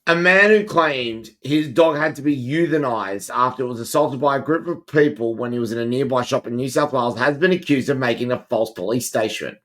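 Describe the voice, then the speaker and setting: A man's voice: mid-range voice, a little fast, hardly any pauses, a bit bright. A male podcast host chatting casually and reading news stories aloud, now and then stumbling and correcting himself.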